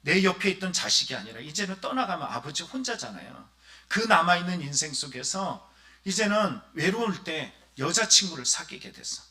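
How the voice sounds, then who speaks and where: A man's voice: fairly high pitch, moderate pace, creaky. A man, a pastor, preaching a Sunday sermon, speaking straight to the congregation and acting out the voices in his story. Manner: animated preaching, often addressing the congregation directly; acts out quoted voices of villagers and the son.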